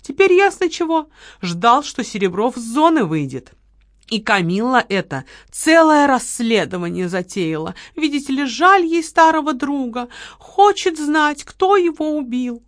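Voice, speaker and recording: A quick-tempered young heroine with a sarcastic, scolding bite, put on by a woman reading the book. Her voice sits higher and pushes louder than the narration, and the dry, close recording keeps every jab crisp. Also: big pitch swings, no room sound. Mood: reasoning.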